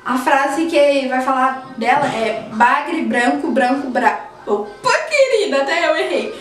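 A woman's voice: sits high, expressive, unhurried. A young Brazilian woman with a slight tongue-tied lisp and slushy s sounds, chatting casually and playfully as in a game vlog. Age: young adult. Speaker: vlogger playing a lip-reading game. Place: small indoor room with bare wall, camera a few feet away. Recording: echoey room, distant mic, background music.

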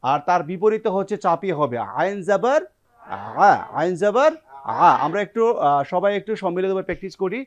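Bangladeshi guy teaching quran pronunciation on tv, slightly high voice, has students chant sounds back. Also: expressive, fast talker, muffled recording. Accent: Bangladeshi Bengali. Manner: leads students in call-and-response drills. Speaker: Quran recitation teacher and host. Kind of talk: TV classroom lesson. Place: television studio with students.

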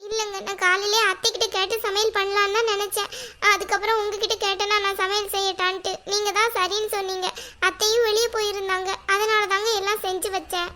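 Very high bright cartoon young wife, woman voicing her, pleading fast. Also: flat delivery, slight background noise. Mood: complaining. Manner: pleading, plaintive. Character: young daughter-in-law, hurt and pleading. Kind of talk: animated cartoon drama.

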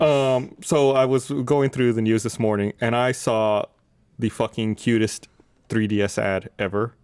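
A podcast host in his thirties leads a casual panel discussion, speaking close to a studio microphone on his desk. His mid-range voice is smooth, unhurried and darkish, with fairly even intonation and no room sound.

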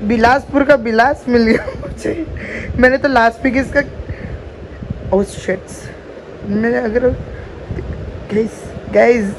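A woman's voice: medium pitch, vocal fry, noisy background. A woman chatting casually to her viewers at home, teasing and giggling as she talks. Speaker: vlogger, co-host. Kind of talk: casual home vlog chat. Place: home, indoors.

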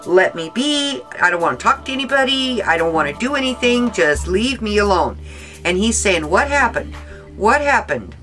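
A woman vlogger telling a personal story in a casual, animated, exasperated manner, acting out what was said. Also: medium pitch, normal speed, faint music behind. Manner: animated, exasperated, acts out quotes.

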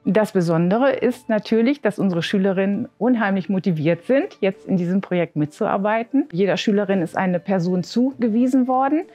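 A woman's voice: medium pitch, expressive, moderate pace, few pauses, warm tone, faint music behind. A woman teacher proudly explaining her students' costume work. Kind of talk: interview statement.

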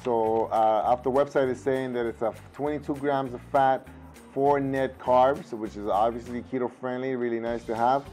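Still husky after losing his voice the day before, a man in his thirties tastes and reviews a snack at his home table, speaking into a lapel mic with faint music behind him. His mid-range voice is a little mellow, evenly pitched, and at normal speed. In this relaxed taste-test vlog he thinks aloud with fillers and shifts into Spanish when talking to his kids.

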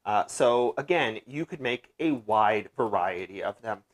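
A man's voice: lowish voice, expressive, a little slow. Young man hosting a pet-care vlog. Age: young adult. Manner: friendly and explanatory, many "uh" fillers. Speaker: bird-keeping channel host. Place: small home room indoors. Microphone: lapel mic, seated facing camera.

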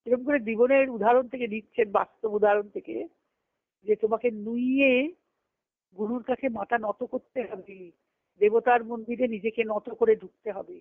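Over a conference call line, a woman acting as a spiritual teacher delivers a devotional scripture discourse, unpacking it phrase by phrase and repeating as she goes. Her pitch is fairly high, her intonation fairly even, her speed normal. The audio is dry yet muffled, lo-fi conference-call phone sound.

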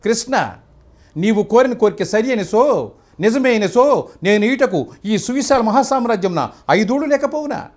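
A man's voice: sits high, animated, normal speed, voice pushed up. An older man voicing a proud, defiant king of an epic, reciting a grand court speech in a classical stage manner. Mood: defiant, declaiming. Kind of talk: stage-style mythological dialogue recital.

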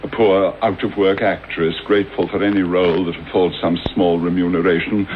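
A male actor plays a vengeful middle-aged English gentleman doctor in an old radio play. His lowish voice is sardonic and theatrical, savouring every grievance with articulate precision. The recording is dull, with some noise. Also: lightly acted. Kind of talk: 1980s British radio drama acting. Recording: dull, noisy old radio broadcast copy.

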